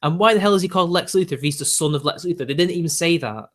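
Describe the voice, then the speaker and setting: Racing along in a slightly high, somewhat bright voice, the YouTube host, a British man in his 20s who sounds youthful, rants to viewers. He comes across exasperated and casual, leaning heavily on fillers.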